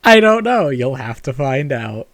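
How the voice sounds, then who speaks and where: A man running a tabletop game on a voice call, recapping the last session with many fillers and pauses. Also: mid-range voice, very animated, a bit bright, no room sound. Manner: halting, many fillers and laughs. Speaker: game master.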